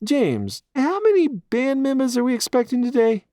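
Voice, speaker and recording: A portly small-town mayor voiced by a male audiobook narrator speaks in a thick New York accent, noticeably higher than the narrator's own voice. He is brisk and matter-of-fact. The recording is dry and close. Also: big pitch swings, warm tone, dry recording.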